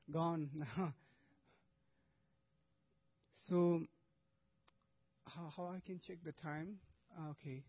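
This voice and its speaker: A monastic speaker presents his charity work to an audience alongside a video, speaking halting, non-native English full of restarts and filler sounds. His voice is slightly high and mellow, a bit rough, with fairly even intonation. The recording sounds slightly dull and lo-fi.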